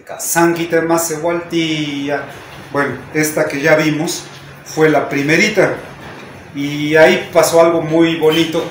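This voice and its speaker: Speaking with a Mexican Spanish accent, a male teacher patiently explains material to his class, frequently tagging sentences with a questioning "¿no?". His pitch is medium. The room is echoey, with a little hiss or hum.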